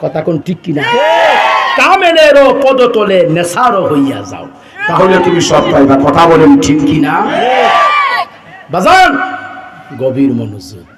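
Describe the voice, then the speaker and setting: A man preaching a Bengali waz sermon, swinging between chatty asides and loud sing-song chanting, calling out to the crowd for responses. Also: on the high side, lively intonation, moderate pace, heavy background noise. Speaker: Islamic preacher at a religious gathering. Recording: echoey public address with a crowd.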